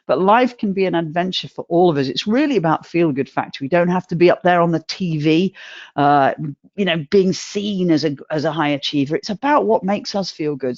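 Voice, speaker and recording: A middle-aged woman giving a humorous motivational talk, chatty and self-mocking, with sudden jumps in pitch. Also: darkish tone, dry recording, dull audio. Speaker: motivational speaker.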